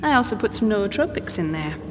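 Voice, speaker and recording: A woman's voice: mid-range voice, very animated, a little fast, natural voice. A woman voicing a cool, precise military scientist in a video game, explaining in a firm clinical manner. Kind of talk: dramatic video game voice acting. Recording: long hall reverb, noisy ambience behind.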